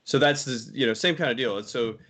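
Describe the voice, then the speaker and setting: A man's voice: mid-range voice, fairly quick, fairly bright tone. A man hosting a casual tech talk show, rambling and often correcting himself as he chats. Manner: rambling, self-correcting, laughs easily. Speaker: show host.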